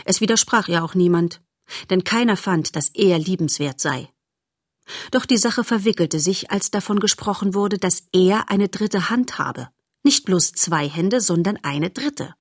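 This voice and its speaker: A woman reading a children's novel aloud as narrator, in a steady, expressive storytelling manner. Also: on the low side, measured pace, no echo, clean studio sound.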